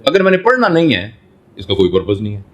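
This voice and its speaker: A man's voice: on the low side, wildly swooping pitch, muffled recording. A man who is a doctor, answering in an interview in a fatherly way, explaining through everyday examples and rhetorical questions. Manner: fatherly, addresses listener as son.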